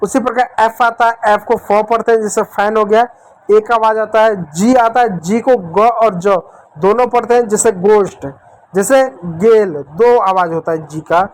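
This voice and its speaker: On a rough recording, a high-pitched man gives a phonics lesson to young children, patiently and repetitively sounding out letters slowly. He addresses the kids directly and with affection.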